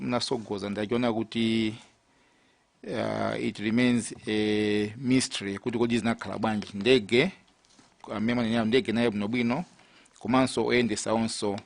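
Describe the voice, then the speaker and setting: A Malawian man putting formal questions at a hearing as a committee member, hesitant and deliberate in his delivery. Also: medium pitch, creaky, dry recording.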